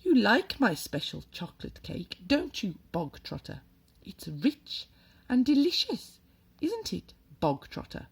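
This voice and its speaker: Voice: medium pitch, animated, measured pace, pitched above the performer's own voice. A reader voicing a furious, bullying headmistress who barks and screams insults at a boy. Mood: sly, sweet. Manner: barking, shouting insults.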